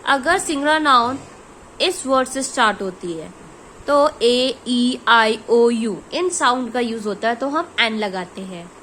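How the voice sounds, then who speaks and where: A young Indian woman teaching a grammar lesson to children, explaining slowly and carefully as she switches between Hindi and English. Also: fairly high pitch, expressive, fairly bright tone, slight background noise, rough recording.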